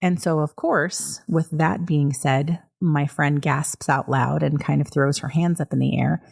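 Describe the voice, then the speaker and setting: A woman's voice: low voice, fairly even intonation, measured pace, creaky, a little mellow, breathy edge. A woman in her thirties, a podcast host and nurse educator, chatting through an amused story with plenty of fillers. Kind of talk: casual storytelling.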